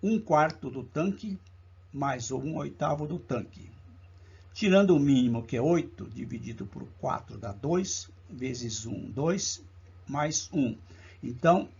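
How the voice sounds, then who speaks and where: A fairly high-pitched man with a creaky, darkish, slightly rough voice leads a public-exam math lesson, heard through a muffled recording. His Brazilian Portuguese accent is clear as he slowly and deliberately counts out each step of the problems.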